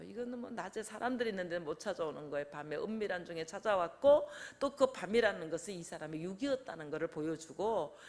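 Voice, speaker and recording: An older woman preaching a sermon in a conversational way, asking her listeners questions and acting out quotes with lively changes of voice. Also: on the low side. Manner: conversational, asks the congregation questions.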